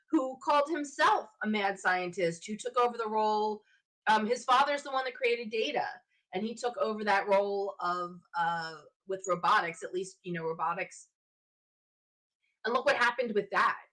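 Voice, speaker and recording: A woman's voice: medium pitch, a bit bright, low-quality recording. A woman hosting her own show, talking casually on her own and thinking aloud as she speculates in a chatty way. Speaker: show host. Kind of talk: casual solo fan commentary.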